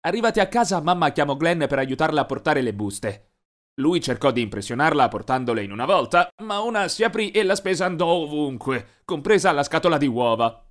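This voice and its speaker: A man narrating an animated teen story in a lively, mischievous storytelling voice. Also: a little high, brisk.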